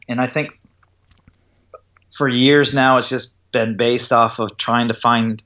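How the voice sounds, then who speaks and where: A man's voice: mid-range voice, fairly bright tone. A man talks through how he coaches golfers, laying out his points in a patient, explanatory way and stopping often to check that the listener is following. His voice sits in an ordinary middle range. The audio is dull and lo-fi. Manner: explanatory, checks in with "does that make sense". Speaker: golf putting instructor. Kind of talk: interview conversation.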